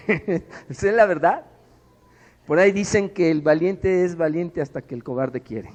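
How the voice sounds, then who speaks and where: A man preaches with a Mexican Spanish accent, his fairly high voice pushing hard and then dropping low. The sound hangs in a church hall with a long reverb tail. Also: measured pace. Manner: emphatic preaching, swings from loud to hushed. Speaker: pastor. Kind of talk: sermon with a personal story.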